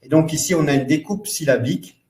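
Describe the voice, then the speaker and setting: A man's voice: a little high, darkish tone, distant mic. Man giving a roomy webinar lesson. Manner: loose, halting explanation with many fillers and restarts. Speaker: presenter of a parents' training webinar. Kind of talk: live online webinar presentation. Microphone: computer mic in a webinar. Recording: roomy echo.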